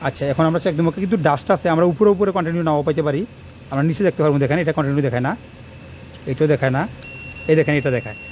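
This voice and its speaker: Rapid and repetitive, a man on the higher side with a darkish tone walks viewers of his channel through wiring while he works. He speaks to a phone camera propped close by, with a faint hum of noise behind him.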